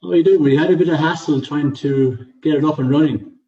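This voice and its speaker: A man's voice: fairly high pitch, fast talker, warm tone. A man with an Irish accent hosting a casual livestream interview, encouraging and complimentary as a coach. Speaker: host, fitness coach. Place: online video meeting. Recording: muffled, roomy, distant from the mic.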